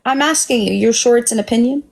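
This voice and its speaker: A woman hosts a casual live-stream debate in a slightly higher voice. Her delivery is dry and teasing. She deflects her guest's challenges by turning his questions back on him. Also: quick pace, vocal fry. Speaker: livestream host.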